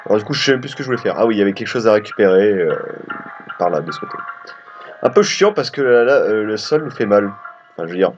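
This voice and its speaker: Male let's play host: chatty, rambling, swears casually, lowish voice, lo-fi audio with game music. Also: expressive, quick pace.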